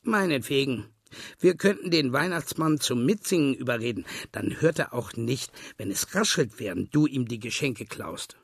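A man's voice: mid-range voice, lively intonation, normal speed, gravelly, breathy edge, no room sound. A man doing a grumbling, scheming fox. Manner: grumbling, wheedling. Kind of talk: storybook reading.

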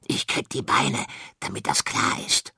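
A man's voice: unhurried, sharp tone, no echo, studio quality. A man voicing a scrappy, greedy ship rat in a storybook reading, hissing and sneering.

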